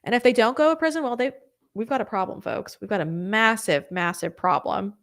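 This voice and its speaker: A young woman hosting a live stream, chatting casually and rambling through viewer comments with quick apologetic asides. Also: medium pitch, a bit bright. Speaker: host of a political live stream.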